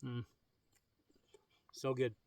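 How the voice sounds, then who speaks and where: A man's voice: drawn-out words, darkish tone, recorded from a distance. A man casually vlogging from a clifftop campsite outdoors, rambling with lots of fillers. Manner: rambling, easygoing, many fillers. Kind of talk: casual camping vlog.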